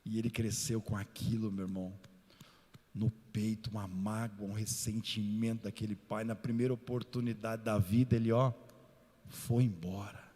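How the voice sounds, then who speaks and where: A man with a Brazilian Portuguese accent, a pastor preaching a sermon through a lively personal story. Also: on the low side, normal speed, breathy edge. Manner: animated, addresses listeners as "meu irmão". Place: church. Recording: reverberant church hall.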